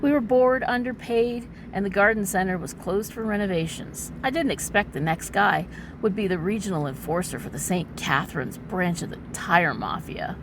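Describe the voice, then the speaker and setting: A woman's voice: mid-range voice, moderate pace, background noise, lightly acted. A woman performing a sardonic noir romance heroine in a hammy, theatrical stage-actor manner for a melodramatic dramatic reading.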